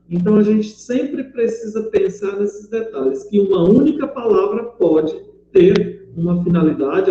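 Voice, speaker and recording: A man's voice: sits high, mellow. A man with a Brazilian Portuguese accent teaching a class, explaining patiently step by step with examples. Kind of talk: online class lecture. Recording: echoey, dull lo-fi room audio.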